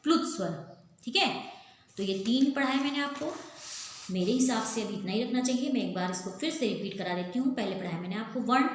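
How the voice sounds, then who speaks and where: A woman's voice: a little high, animated, a little fast. A woman teaching a recorded Hindi grammar lesson, explaining patiently, repeating points and answering her own questions. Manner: draws out vowel sounds as spoken examples. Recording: very echoey room with faint noise.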